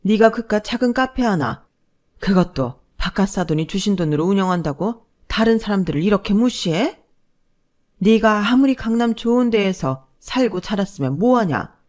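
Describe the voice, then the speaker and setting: A woman voicing a furious older mother-in-law who scolds loudly in a Korean family story. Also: medium pitch, animated, normal speed, natural voice. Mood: indignant. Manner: loud scolding tirade.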